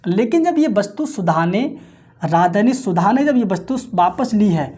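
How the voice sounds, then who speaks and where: A man teaching an exam-prep maths lecture, working sums aloud in quick times-table chants, addressing his viewers as friends in nearly every phrase, and asking questions that he answers himself. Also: sits high, animated, darkish tone, breathy edge.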